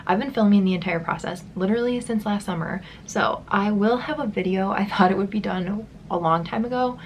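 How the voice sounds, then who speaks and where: A young woman beauty vlogger chats at home while getting ready in a get-ready-with-me vlog, rambling loosely with lots of "like" and "um." Her mid-range voice is a little fast and sounds stuffy and congested, with slight background noise.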